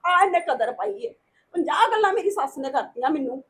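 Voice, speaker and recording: A woman's voice: extremely high pitch, expressive, brisk, a little hiss or hum. A woman playing a long-married neighbor who feels snubbed, speaking in a bitter, reproachful way. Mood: resentful. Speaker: neighbor married fifteen years. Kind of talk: domestic drama acting.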